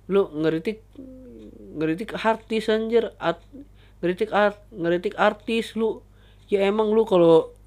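Vlogger, casual rant, crude slang, frequent restarts. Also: mid-range voice. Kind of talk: casual ranting monologue.

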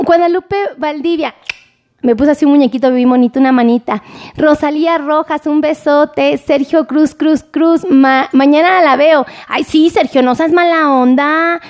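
A Mexican woman doctor hosting a live stream, chatting warmly and greeting viewers by name. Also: high voice. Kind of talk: casual live-stream chat reading viewer comments.

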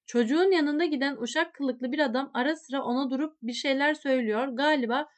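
A woman reading a literary story aloud in a measured, expressive way. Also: high voice. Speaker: narrator. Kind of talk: storybook narration.

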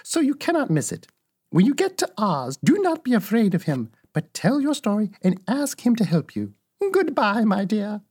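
A woman voicing a kindly, solemn little old witch in a storybook reading, giving slow, gentle, earnest counsel. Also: medium pitch, big pitch swings, slightly rough, pitched above the performer's own voice. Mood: reassuring. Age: older.

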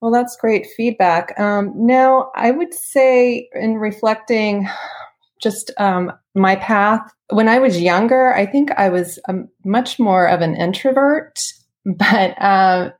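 A woman's voice: mid-range voice, takes it slowly. A woman guest on an interview show, a stylist, answering in a reflective, easygoing way. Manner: warm, reflective, with fillers and light laughs. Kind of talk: casual interview chat.

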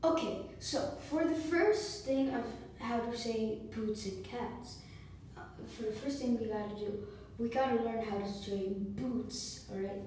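A woman's voice: fairly high pitch, unhurried, mellow. A young woman hosting her own podcast, chatty and repetitive as she teaches beatboxing basics. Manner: chatty, repetitive, self-correcting. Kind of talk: casual tutorial podcast. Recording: echoey room, far from mic, faint noise.

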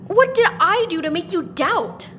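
Woman voicing an impassioned, defiant daughter; high voice that leaps around a lot. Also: sing-song, fairly bright tone, a little hiss or hum. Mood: pleading, indignant. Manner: impassioned, quickly swinging between pleading and defiance. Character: grown daughter, proud poisoner running an empire. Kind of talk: audio drama acting.

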